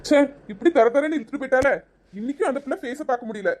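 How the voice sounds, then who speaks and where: A woman playing a kind young village man, talking gently and comfortingly to a friend. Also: high voice, lively intonation, racing, a little hiss or hum. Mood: pleading. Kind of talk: village comedy sketch.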